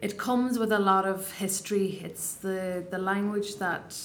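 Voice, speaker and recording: A thirties-aged poet from the Donegal Gaeltacht speaks in a steady, fairly bright, medium-pitched voice at a measured pace. As an interview guest she answers thoughtfully and hesitantly, often restarting, with her Donegal Irish accent clear over a slight hiss or hum.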